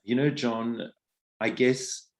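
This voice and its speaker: Speaking slowly in a mid-range voice with fairly even intonation, this middle-aged man from South Africa talks reflectively about his life as a podcast guest. The casual interview is full of fillers and restarts.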